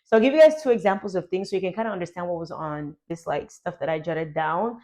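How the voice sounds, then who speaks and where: A young adult woman telling a personal story to her vlog audience in a chatty, animated way, full of "like". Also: on the low side, quick pace. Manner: chatty, animated, heavy use of "like". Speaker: YouTuber.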